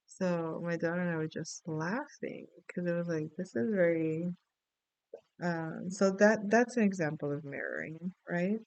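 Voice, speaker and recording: Chatty, gravelly woman telling a story. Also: fairly low pitch, measured pace, darkish tone, no room sound, poor audio. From Dominican Republic. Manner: rambling, chatty storytelling with many asides. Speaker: astrology and tarot reader. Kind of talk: casual spoken reading.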